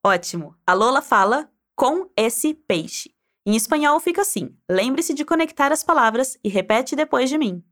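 A woman's voice: sits high, lively intonation, normal speed, fairly bright tone. A woman teaching Spanish, guiding the listener through pronunciation drills and prompting them to repeat aloud.

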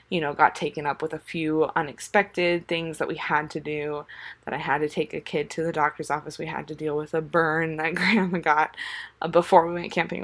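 Chatty young mom telling a story. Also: female voice, sits low, fairly bright tone. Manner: chatty, laughs often, filler "like" and "um". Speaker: podcast host, mother. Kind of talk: casual storytelling monologue.

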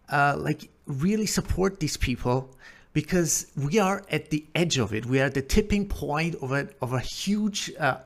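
Male podcast host, slightly high voice, rambling excited monologue, lots of fillers. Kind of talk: casual monologue.

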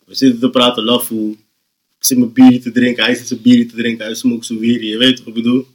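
A young man, telling an animated, slang-heavy story on a casual podcast and often laughing. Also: mid-range voice, fairly quick. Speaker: podcast host.

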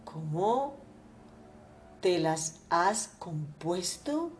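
A woman's voice: fairly low pitch, big pitch swings, extremely slow, slight background noise, pitched below the performer's own voice, full character voice. Woman doing a defiant young son. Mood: puzzled. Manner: curt, defiant replies.

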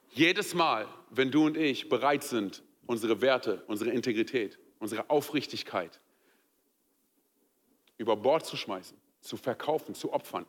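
A young man from Germany preaching a sermon in a lively, conversational way, full of fillers and direct questions to the listeners. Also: medium pitch. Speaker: pastor. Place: church hall. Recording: long hall reverb.

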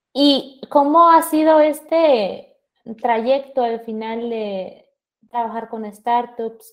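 A woman co-hosting a podcast, enthusiastic and quick to react. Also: fairly high pitch, a little mellow. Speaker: podcast co-host. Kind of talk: casual conversation.

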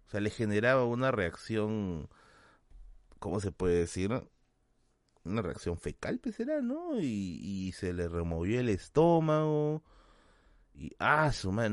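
Lively Peruvian man telling a story. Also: fairly low pitch, no echo, studio quality. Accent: Peruvian Spanish, Lima. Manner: animated, self-mocking, tag questions. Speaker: podcast host. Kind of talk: casual anecdotal storytelling.

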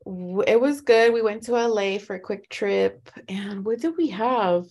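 A woman's voice: medium pitch, measured pace. A woman co-hosting a podcast in casual chat, laughing easily and talking with many fillers over a remote call. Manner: relaxed, laughing, full of fillers. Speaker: podcast co-host.

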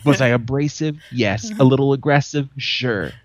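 A man's voice: medium pitch, normal speed, dry recording. A man co-hosting a podcast, telling a story in a loose, profane way with frequent laughs. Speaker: podcast co-host. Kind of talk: casual chat, storytelling.

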